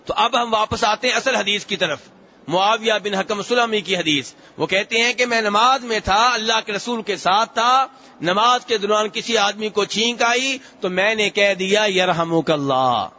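A male preacher giving a hadith lesson who repeats phrases to explain them and recites Arabic slowly before translating it. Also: high voice, sharp tone, muffled recording. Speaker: Islamic preacher.

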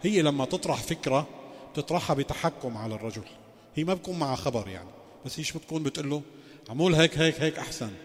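A man's voice: a little high, lively intonation, very fast. A man giving a religious lecture as a sheikh. He poses rhetorical questions and moves between formal phrasing and colloquial asides. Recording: long reverberant hall.

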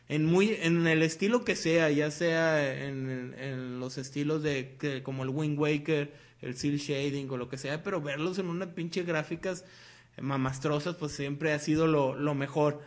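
A young Mexican man hosts a casual podcast chat, his voice sitting a little high for a man. He rambles loosely and drops slang and swear words as he goes. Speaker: podcast host.

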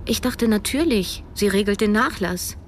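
An actress in her early thirties narrates a radio drama as its lead, a broke, self-doubting young woman, in a reflective, wry, literary way. Her medium-pitched voice is animated and natural at a moderate pace, with music behind it and a little hiss or hum.

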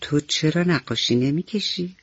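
A woman's voice: low voice, slightly rough, dry recording, lo-fi sound. A woman voicing a kind female teacher at a forest school in a radio bedtime story, speaking tenderly.

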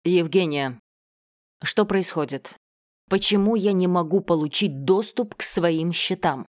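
Woman doing a hot-headed rich guy, harsh and mocking, lowish voice. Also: unhurried, no echo, studio quality, lightly acted. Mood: furious. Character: hot-tempered wealthy man, domineering, scornful.

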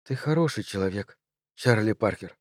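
A man voicing a tender young woman, the hero's lover, in a soft hushed tone. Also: mid-range voice, moderate pace, no echo, clean studio sound, close to an everyday voice.

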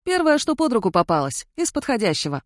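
A woman's voice: a little high, sing-song, fast, no room sound, studio quality, voice pushed up. A woman voicing a clever young male investigator who reasons aloud with a teasing edge. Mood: wry.

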